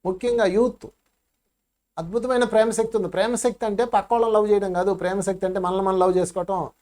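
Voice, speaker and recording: A man in his fifties, a meditation teacher, giving a spiritual talk with animated storytelling and sharp swings between quiet and loud. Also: high-pitched, quick pace. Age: 50s.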